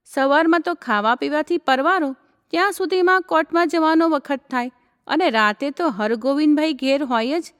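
A sweet, chatty young bride from a spoken story, as a woman reads her. Her voice is high and light. A long hall reverb hangs behind it. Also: moderate pace, natural voice. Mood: cheerful.

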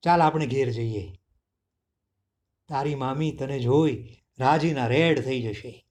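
A man's voice: medium pitch, slow, darkish tone, close to an everyday voice. A man voicing a hungry, sly male jackal in a storybook reading, speaking in a falsely sweet, wheedling way.

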